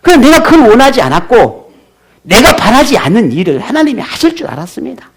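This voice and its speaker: A man's voice: high-pitched, wildly swooping pitch, moderate pace, voice pushed up, exaggerated voice. A man voicing a resentful grown man who complains bitterly to God in indignant protest.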